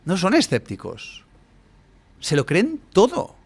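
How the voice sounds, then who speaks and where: Guy w/ holding forth on a podcast, slightly high voice, keeps tacking on rhetorical questions. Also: wildly swooping pitch, slow pace, creaky, slightly rough. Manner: expansive, lecturing, frequent rhetorical tag questions. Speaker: guest coach and writer. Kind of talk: podcast conversation.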